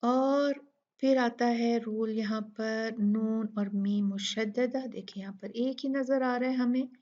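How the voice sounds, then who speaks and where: A woman's voice: fairly high pitch, fairly even intonation, a little mellow, dull audio. A woman with an Urdu-speaking accent teaching recitation rules, explaining patiently and drawing out each recited word. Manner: slow, patient explaining, drawn-out recitation of words. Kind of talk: tajweed lesson.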